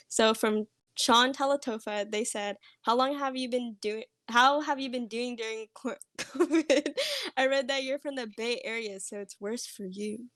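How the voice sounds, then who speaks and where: Young woman, high voice, teasing her buddies on a casual podcast, dry close sound. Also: fairly bright tone, dry recording. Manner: teasing, laughing often. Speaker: podcast host reading questions. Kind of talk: casual group chat.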